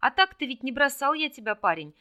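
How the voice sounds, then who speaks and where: A sly old schemer boasting of his long cruel plans, read by a woman in a bright, higher voice. His tone stays mocking and pleased with himself, with an audiobook feel. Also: big pitch swings, a little fast, exaggerated voice. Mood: gloating. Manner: gloating, mocking confession. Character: scheming old male trickster villain. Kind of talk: audiobook character voice.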